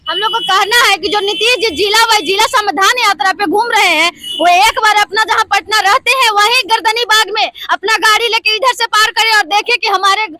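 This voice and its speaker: A woman's voice: extremely high pitch, fairly quick, hardly any pauses, sharp tone. A woman who is a protesting job candidate and a mother, pleading. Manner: pleading, aggrieved. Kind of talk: emotional protest interview.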